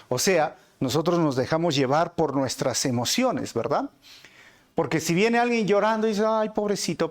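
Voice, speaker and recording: A man with a Peruvian Spanish accent teaching a Bible study as a pastor, addressing his listeners as brothers and asking them rhetorical questions, with dramatic swings in pitch and loudness for emphasis. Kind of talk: inductive Bible study sermon.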